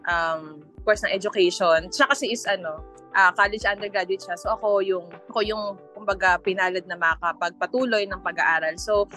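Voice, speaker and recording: A woman's voice: mid-range voice, fairly quick, pushed and bright. A Filipino woman speaks in conversational Taglish, sliding between Tagalog and English within a sentence. She hesitates as she looks for words, with music audible in the recording. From Philippines. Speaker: podcast guest. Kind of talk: conversational interview answers.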